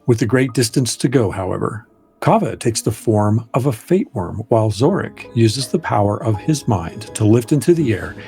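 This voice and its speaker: A man acting as game master, narrating a tabletop fantasy game in measured, literary, dramatic phrasing. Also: medium pitch, expressive, dark tone. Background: music.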